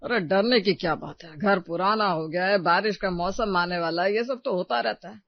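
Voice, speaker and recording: A woman doing a gruff stingy old father-in-law. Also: on the low side, moderate pace, no room sound, lightly acted. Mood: dismissive. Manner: gruff, dismissive. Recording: dull lo-fi recording.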